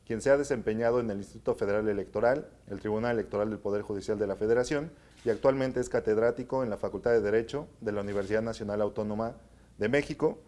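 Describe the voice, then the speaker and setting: A man's voice: on the low side, fast talker, darkish tone. A man hosting an interview, introducing a guest formally and asking questions with some hesitation. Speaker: interview host.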